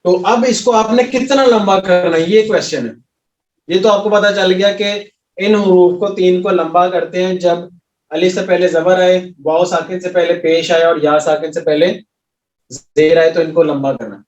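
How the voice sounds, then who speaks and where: A male teacher with a fairly high voice runs a class, patiently drawing out each sound and checking that students follow. He sounds far off in an echoey classroom, and the recording is dull. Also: steady tone, darkish tone. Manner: patient, repeats sounds slowly and asks the class questions. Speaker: Arabic and Quran recitation teacher.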